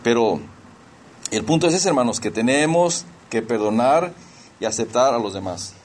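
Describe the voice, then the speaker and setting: A man's voice: medium pitch, lively intonation, normal speed. A middle-aged man preaching a sermon in a conversational way, slipping into English phrases and often restarting his sentences. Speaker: pastor.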